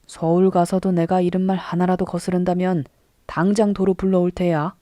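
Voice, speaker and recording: A woman's voice: lowish voice, level tone, normal speed, dark tone, dry recording, studio quality, close to an everyday voice. A woman reading the part of a strict older male Buddhist abbot who lectures a young novice. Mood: stern. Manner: strict, admonishing.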